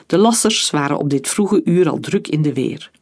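A narrator reading a historical story in a steady storytelling voice. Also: medium pitch, normal speed.

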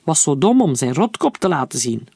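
A man's voice: a little high, sing-song, moderate pace, creaky, warm tone, slightly rough, no room sound, studio quality, full character voice. A man reading aloud, voicing a defiant, bitter captured soldier.

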